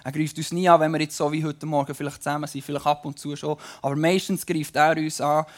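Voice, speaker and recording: Animated young preacher. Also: male voice, on the high side, fast talker. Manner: animated storytelling with frequent fillers. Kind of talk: conversational sermon. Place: church stage.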